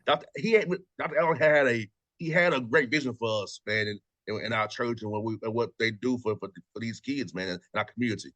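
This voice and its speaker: A man's voice: medium pitch, brisk, few pauses, fairly bright tone, no room sound. Casual male show host, dry sound. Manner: casual, friendly, says "man" and "bro" often. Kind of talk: radio interview.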